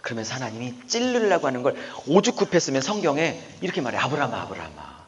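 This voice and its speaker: A middle-aged man preaching a sermon as pastor, animated, swinging between soft murmurs and loud exclamations. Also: on the high side, fast talker, in a large hall. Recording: dull lo-fi recording with faint room noise.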